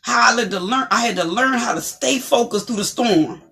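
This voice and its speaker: Animated preacherly woman talk host. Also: fairly high pitch, a little fast, creaky. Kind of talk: inspirational faith-based chat.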